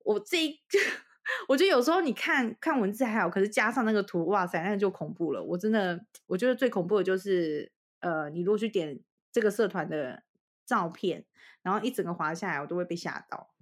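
Animated young woman telling a ghost story. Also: medium pitch, a little fast. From Taiwan. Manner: animated storytelling, acting out quoted voices with laughs. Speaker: podcast co-host.

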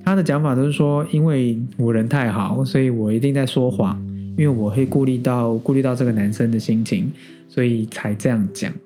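A man in his thirties from Taiwan with a Taiwanese Mandarin accent, hosting a podcast and telling a personal story in a candid, animated way full of asides. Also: medium pitch, brisk, soft background music. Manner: candid, animated, exasperated storytelling with frequent self-asides and laughs. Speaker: podcast host.

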